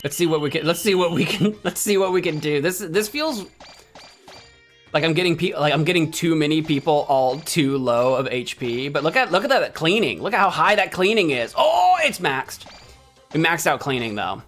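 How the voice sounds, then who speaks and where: Over faint background music, a US man with a high, bright, very animated voice talks at a moderate pace while gaming on stream. His loose commentary rambles and self-corrects, and he fires back at chat with pretend indignation.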